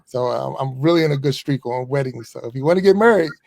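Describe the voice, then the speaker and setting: A man in his fifties, a former pastor, talking casually as a podcast guest, chatty and relaxed with frequent chuckles. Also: medium pitch, fast talker, gravelly, crowd noise. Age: 50s. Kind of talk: casual conversational interview.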